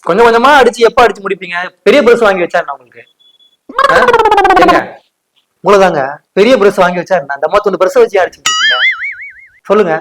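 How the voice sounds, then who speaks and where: A man's voice: sits high, fast talker, long pauses, heavy background noise. A man, pulling a hidden-camera prank as a fussy salon customer who nags and picks arguments. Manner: loud, nagging, picks arguments.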